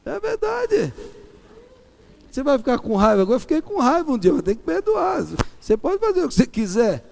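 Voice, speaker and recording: Gravelly-voiced Brazilian preacher man. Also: very high voice, very animated, a little fast. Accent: Brazilian Portuguese. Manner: repeats key phrases, shifts from loud emphatic peaks to soft quiet pleading. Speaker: pastor. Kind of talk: sermon.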